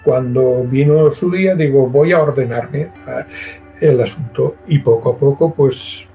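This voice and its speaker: A man being interviewed as a guest writer, talking in a halting way, full of restarts. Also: medium pitch, gravelly, dark tone, soft background music, poor audio. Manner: halting, with many fillers and restarts. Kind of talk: casual interview chat.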